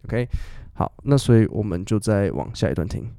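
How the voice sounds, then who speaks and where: Man, twenties, podcast English teacher, explanatory, repeats himself, mellow tone, dry sound. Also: on the low side, lively intonation, normal speed, dry recording. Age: 20s. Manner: explanatory, repeats phrases while thinking.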